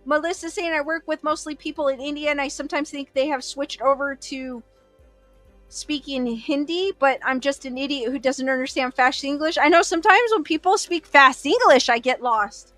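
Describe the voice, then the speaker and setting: Reading out live comments on her stream, this Korean-first-language host keeps things casual and laughs a lot. She speaks at normal speed in a high, slightly bright voice over faint background music.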